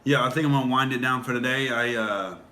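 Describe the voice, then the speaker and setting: Talking fast in a sharp, mid-range voice, this man hosts a casual livestream. He responds to viewer comments in a rambling way, with lots of fillers and false starts.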